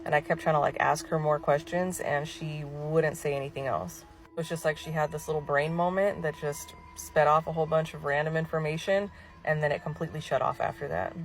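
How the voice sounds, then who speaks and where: Brief: deep-voiced woman, casual storytelling mom, candid and incredulous, soft music under her. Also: fairly even intonation, brisk, distant mic. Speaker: mother telling a story.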